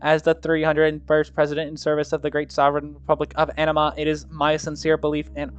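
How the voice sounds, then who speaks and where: A man's voice: on the high side, completely flat delivery, fast talker, clear, resonant tone, lo-fi sound, close to an everyday voice. A man voicing a round, polite robot president who pleads for peace in a formal, heartfelt way over faint music. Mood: earnest pleading.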